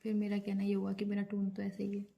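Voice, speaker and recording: A young woman talking softly and defensively with her boyfriend in a casual phone chat. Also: mid-range voice, completely flat delivery, gravelly, lo-fi sound. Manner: quick, defensive, speaks softly. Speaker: girlfriend on a phone call.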